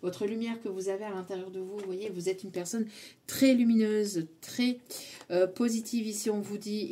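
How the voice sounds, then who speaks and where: Woman tarot reader, soft mellow tone, halting delivery that relays her guides' messages, playful asides. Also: medium pitch, breathy edge. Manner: hesitant, many fillers, relays what her guides say; chuckles often, playful asides. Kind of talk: spoken tarot reading to camera.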